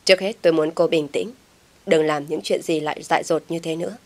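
A woman's voice: deep voice, fairly even intonation, brisk, darkish tone, natural voice. A woman doing a blunt, stern young man. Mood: firm. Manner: blunt and firm.

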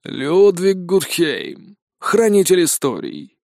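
A man playing a mysterious, slightly hoarse old gentleman from an audiobook, unhurried and formal. His voice sits a touch high for a man and is recorded dry, with no room sound. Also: huge pitch swings, no room sound, exaggerated voice.

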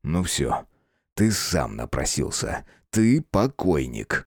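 A man voicing a gruff, short-tempered man who makes crude threats in an audiobook. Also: on the low side, big pitch swings, moderate pace, dark tone, no room sound, studio quality. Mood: threatening.

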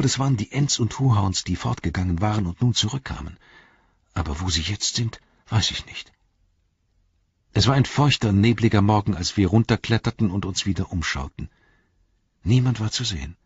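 Young hobbit storyteller read by a man, low and animated, husky. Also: normal speed, long pauses, dry recording, dull audio, heavily acted. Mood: storytelling. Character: young male hobbit telling his story.

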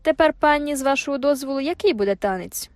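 A woman voicing a cheerful male village fiddler in an audiobook, asking in a lively, showy way. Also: sits high, quick pace, no room sound, clean studio sound, pitched above the performer's own voice. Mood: eager.

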